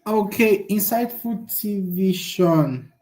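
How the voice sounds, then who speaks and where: Soft music plays behind a young online course instructor teaching a live class. His voice sits high and he takes it slowly, chatting casually, frequently checking in with the audience with "right?" His volume jumps in a lively way.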